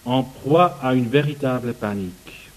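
Halting man reading and commenting. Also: medium pitch, animated, poor audio. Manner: halting, often searching for words. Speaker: speaker commenting on a book. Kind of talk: reading passages aloud and commenting.

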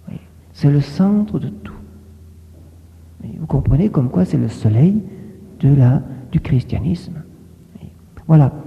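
A man giving a gentle catechism sermon with storytelling, coaxing his listeners and often asking whether they see. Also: sits high. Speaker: priest teaching children. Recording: echoey hall on a tinny phone-like line.

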